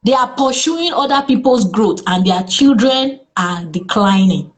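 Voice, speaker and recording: A Nigerian woman speaking as a therapist in an interview, earnest and lively, with exclamations in her stories. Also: on the high side, unhurried. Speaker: therapist guest. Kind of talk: interview conversation.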